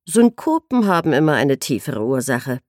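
A woman's voice: sits low, sing-song, normal speed, a little mellow, no echo, clean studio sound. A woman voicing a blunt, lecturing company doctor. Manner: stern, lecturing.

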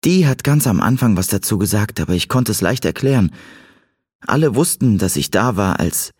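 A man's voice: fairly low pitch, lively intonation, normal speed, a little mellow, husky, dry recording, voice pushed up. A man voicing a sarcastic, teasing teenage girl in an audiobook, raising his voice to play her. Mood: casual, dry. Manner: dry, teasing, lightly mocking. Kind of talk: audiobook character voice.

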